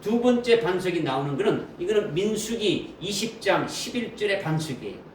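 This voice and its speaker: Pastor guy preaching in a church, high animated voice, echoey room, mic a bit far off. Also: normal speed. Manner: asks the congregation questions and repeats key phrases. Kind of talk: sermon. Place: church sanctuary. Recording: roomy echo from a distant mic with faint noise.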